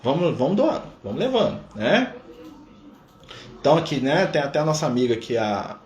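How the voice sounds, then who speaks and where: With a high, very animated, darkish voice echoing in a reverberant room at a community center, a Brazilian man leads a live-streamed spiritist study session. He talks conversationally and keeps adding a questioning "né?" to his sentences.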